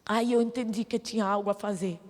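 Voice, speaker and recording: A woman's voice: mid-range voice, fairly even intonation, a little fast, darkish tone. A woman giving a personal testimony in church, telling her story with emotion, acting out the dialogue, and then appealing to the congregation. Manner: preaching appeal to the audience. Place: church hall. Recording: long hall reverb.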